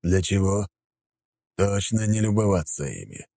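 A man voicing a calm, cold male emperor who speaks in a slow, measured way. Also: deep voice, vocal fry, voice pushed up, full character voice.

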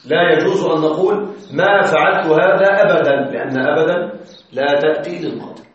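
A man's voice: a little high, fairly quick. A man teaching Arabic grammar in a classroom, explaining step by step and often checking that his students are following. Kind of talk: classroom lecture. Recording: echoey, distant, slightly muffled classroom recording.

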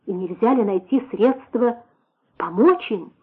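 An anguished young man pleads with rising passion, as a woman reader voices him, in an audiobook. The voice is husky and fairly high. The sound is thin and tinny, like a phone line. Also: unhurried. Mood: pleading. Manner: impassioned, questioning. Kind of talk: audiobook reading.

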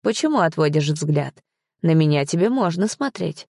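A woman's voice: deep voice, expressive, moderate pace, gravelly, a little mellow, breathy edge, no echo, studio quality, heavily acted. Woman voicing a curt, possessive young man. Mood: commanding. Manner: curt, commanding. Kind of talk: audiobook character voice.

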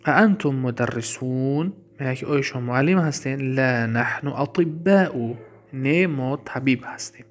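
A man with a Tajik accent teaching Arabic grammar in a class, reading each example slowly and then explaining it. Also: medium pitch, faint music behind.

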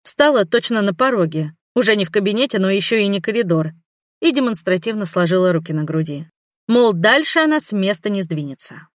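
A woman's voice: medium pitch, expressive, brisk, dry recording. Woman narrating an audiobook, dry sound. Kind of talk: first-person audiobook narration.

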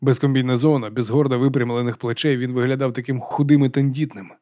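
A male audiobook narrator reading in a steady, measured way, at an ordinary middle pitch. The voice is recorded close on a studio mic, completely dry with no room sound. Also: dry recording. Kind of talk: scripted narration.

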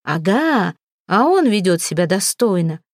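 A jealous, hot-tempered young prince snaps with irritation and scorn, as a woman reads his part in an audiobook. The tone sits low and mellow, with a dry close sound. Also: moderate pace, dry recording, natural voice. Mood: furious.

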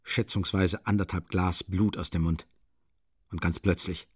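A male audiobook reader voicing a man, an official, who speaks quietly and matter-of-factly. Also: low voice, steady tone, measured pace, husky, dry recording, studio quality. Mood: grave.

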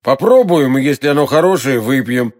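A man's voice: medium pitch, expressive, a little fast, a little mellow, natural voice. Brief: hearty musketeer, bluff and blunt, fond of wine, read by a man.

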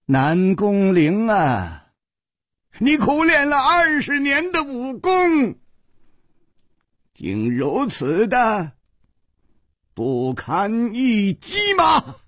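A proud martial artist who has just lost a duel, bitter and defiant, as a male storyteller puts him on. He drags his words out in a husky lament, his pitch swinging wildly up and down, before erupting into a shout. The sound of a wuxia audiobook told by one voice. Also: wildly swooping pitch, very slow, long pauses, dry recording, studio quality, heavily acted. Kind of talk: storyteller acting out a wuxia character.

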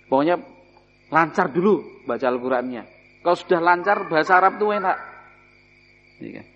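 A man with a slightly high voice teaches an Islamic study lesson at normal speed, explaining Arabic words, asking listeners questions and sprinkling in Javanese. The recording, made in a hall, is dull with slight background noise.

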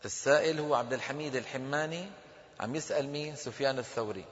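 A man's voice: medium pitch, fast talker, dull audio. Man teaching in an echoey hall. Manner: explains patiently, quizzes listeners with questions, corrects pronunciation. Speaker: religious teacher. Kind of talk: classroom religious lesson.

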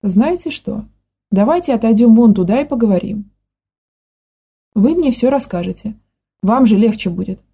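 A woman's voice: on the high side, expressive, moderate pace, long pauses, dark tone, breathy edge. A woman reading the part of a determined young woman who keeps pressing with questions. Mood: coaxing. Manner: firm, persistent questioning.

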